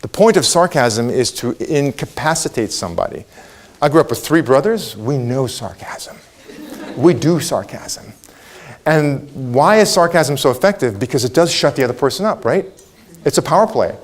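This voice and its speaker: At normal speed and in a medium pitch, this man sounds very animated. A middle-aged keynote speaker from Israel whose native tongue is Hebrew, he motivates his audience by asking them questions and dramatizing quotes.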